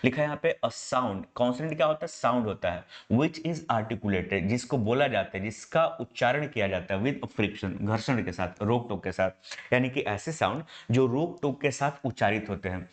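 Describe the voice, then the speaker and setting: This online class features a man explaining English grammar in Hindi, step by step, with an Indian English accent. His mid-range voice has lively intonation at a normal pace, and he poses rhetorical questions while addressing students as "my brother."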